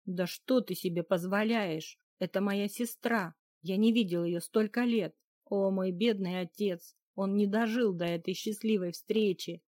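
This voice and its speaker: A woman reading a man's part as a loud, effusive long-lost brother who gushes and exclaims. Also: mid-range voice, a little slow, dry recording, natural voice. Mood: gushing.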